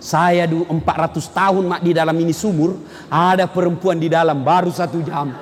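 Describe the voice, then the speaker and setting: A male preacher voicing an old male jinn who lives in a well, complaining in a lowered voice in a reverberant hall. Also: fairly even intonation, a little fast, slight background noise, natural voice. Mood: weary.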